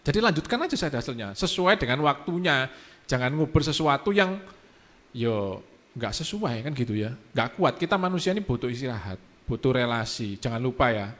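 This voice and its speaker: A man, speaking as a guest in a casual church youth talk, relaxed and mixing in English phrases. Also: mid-range voice, normal speed.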